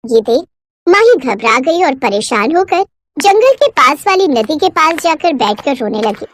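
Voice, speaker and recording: Woman storyteller, cartoon narration, high voice, animated pitch. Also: unhurried, no echo, studio quality.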